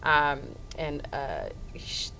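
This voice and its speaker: A woman from Florida with a Haitian family, a stage actor talking casually in an interview and pausing often with many ums. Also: deep voice, very animated, sharp tone, a little hiss or hum, poor audio. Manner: hesitant, many ums, idealistic.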